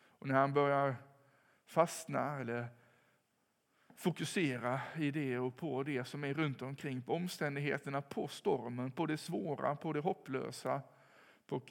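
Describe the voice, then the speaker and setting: A man preaches a sermon in a calm, reflective way, building to moments of emphasis. His voice has a gravelly edge, and a long reverb trails after each phrase, as if the sound fills a church hall. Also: mid-range voice.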